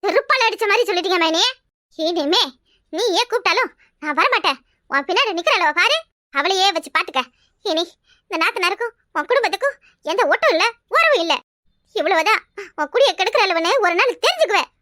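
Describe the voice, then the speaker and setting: A shrill, piercing sister-in-law from a village cartoon, as a woman puts her on, speaking with a Kanyakumari accent. She complains and accuses in loud, dramatic bursts, and the voice-over sits close and dry with no room around it. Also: big pitch swings, a little fast, dry recording, full character voice. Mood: huffy. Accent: Kanyakumari Tamil.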